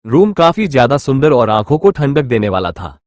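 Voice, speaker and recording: A man narrating an audio romance story in an expressive storytelling manner. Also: medium pitch, normal speed, no echo, studio quality.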